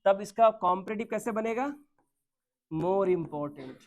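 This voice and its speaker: A man's voice: sits high, expressive, slow, highs cut off. Man teaching a grammar lesson. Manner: asks questions and answers them himself; mixes Hindi with English terms.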